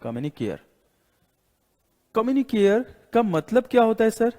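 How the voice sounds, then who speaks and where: A male teacher giving a classroom lecture. He explains slowly, repeats his points and keeps asking "got it?", mixing English words into Hindi. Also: fairly high pitch, expressive, a little mellow. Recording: long hall reverb.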